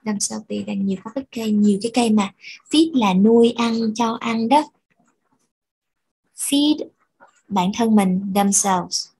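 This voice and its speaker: A woman's voice: mid-range voice, unhurried, creaky, pauses often, dark tone, husky, rough recording. A woman teaching English vocabulary, explaining patiently and repeating words for pronunciation. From Vietnam. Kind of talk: bilingual language lesson.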